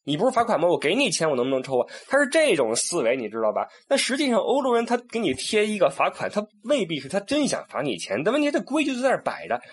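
A man's voice: high-pitched, fast talker, hardly any pauses, slightly rough. A man, a tour guide telling stories in a casual monologue, with many restarts. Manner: animated, acts out quoted people, many restarts.

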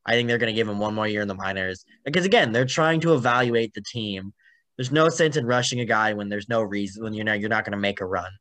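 A man's voice: on the low side, fast talker, a bit bright, no echo. A young man co-hosting a sports podcast, chatting casually and rambling with fillers as he goes. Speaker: podcast co-host.

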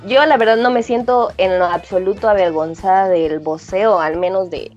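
A woman's voice: medium pitch, steady tone, normal speed, dull audio, faint music behind. A woman from Comitán, Chiapas, with a mild Chiapas Mexican accent, a guest in a casual interview, chatting with fillers and frequent laughter.

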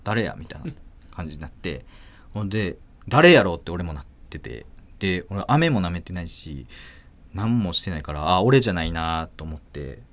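A man with a Kansai accent, hosting a podcast and telling a story in a casual, animated way, acting out voices and laughing often. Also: low-pitched, moderate pace. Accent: Kansai Japanese. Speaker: podcast host.

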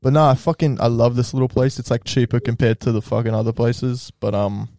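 A man's voice: mid-range voice, steady tone, brisk, dark tone. Young guy, sweary podcast host. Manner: loose, sweary, laid-back banter. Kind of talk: casual chat. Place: small studio room.

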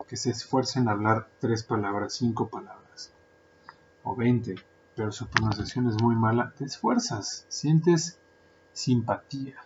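Mexican man hosting a podcast: chatty, jokey, mid-pitched, dull lo-fi recording. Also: a little mellow, a little hiss or hum. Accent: Mexican Spanish. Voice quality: joking, chatty, frequent filler words. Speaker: podcast host, translator and interpreter. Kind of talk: casual podcast monologue. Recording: dull lo-fi sound.

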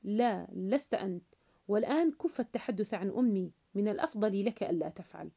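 A woman voicing a gentle, grieving young orphan boy who speaks in a sorrowful, pleading way in a storybook reading. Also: sits high, animated, a little fast, gravelly, full character voice.

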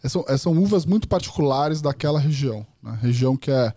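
A man's voice: mid-range voice, animated, fast, warm tone, no room sound, clean studio sound. A man from Brazil, a podcast guest, chatting casually in an interview and rambling through many restarts and fillers.

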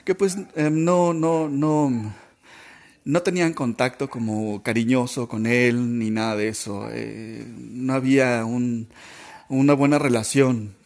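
Halting, emotional podcast host. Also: male voice, mid-range voice, steady tone, a little mellow. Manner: halting, emotional, many restarts and repetitions. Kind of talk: personal storytelling podcast.

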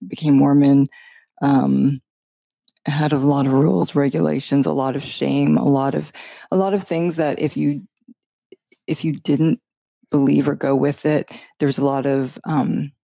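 A middle-aged woman telling her personal story in a podcast, halting with many fillers and a wry edge. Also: a bass voice, steady tone, creaky, dark tone, dry recording. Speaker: guest.

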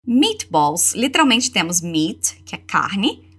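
A Brazilian woman teaching English, modelling phrases slowly for learners to repeat. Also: medium pitch, very animated, a bit bright, slightly rough. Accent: Brazilian Portuguese. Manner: slow, deliberate model pronunciation. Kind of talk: language lesson with repeat-after-me drills.

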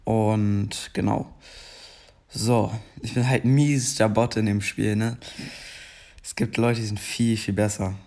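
A man's voice: on the low side, steady tone, a little mellow. A young man with a scratchy voice giving casual commentary while playing a game, rambling, then breaking into frustrated outbursts. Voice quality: scratchy morning voice. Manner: frustrated outbursts between slow chatter. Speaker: gaming video creator.

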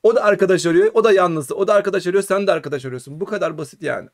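A man from Turkey hosting a casual live stream. His voice sits a little high, and he talks in an animated way, exclaiming and urging his listeners. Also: very fast. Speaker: host.

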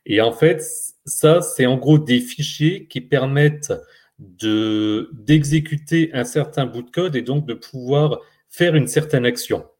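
A man's voice: medium pitch, measured pace, a little mellow. A man on a tech podcast, patiently explaining concepts with simple analogies. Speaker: podcast co-host. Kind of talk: casual explanatory chat.

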